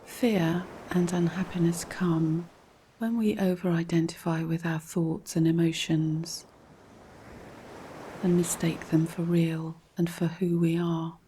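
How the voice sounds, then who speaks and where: A woman leads a guided relaxation with a mellow, slightly low voice that stays very slow, calm and measured. Her instructions carry a gentle breathiness, with faint noise behind her.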